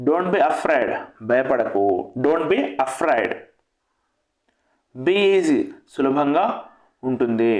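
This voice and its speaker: A man teaches everyday English phrases at a very slow, careful pace, repeating each one after its meaning. His voice sits fairly high and rises on the English phrases. The sound rings with the echo of a bare room. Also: darkish tone. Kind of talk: language lesson with repetition. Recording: echoey room.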